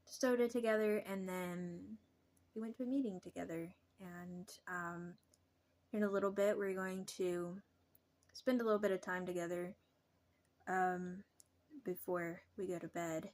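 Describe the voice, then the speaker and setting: A young adult woman talking casually to her vlog viewers, halting and pausing often mid-sentence. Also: mid-range voice, steady tone, darkish tone. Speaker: vlogger.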